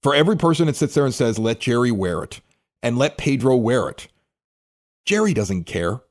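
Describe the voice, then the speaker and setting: A man hosts a casual sports podcast in a heated, exasperated rant. His pitch swings widely as he presses his points. His voice sits in a middle register. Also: a little mellow. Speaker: podcast host.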